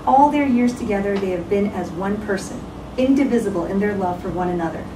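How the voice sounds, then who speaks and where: A woman gives a solemn, scripted memorial reading in measured, deliberate phrases. She is picked up from a distance in a roomy, echoing space, with clear noise behind her. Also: medium pitch, expressive. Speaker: speaker at a memorial, giving a tribute. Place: reading aloud in a roomy venue.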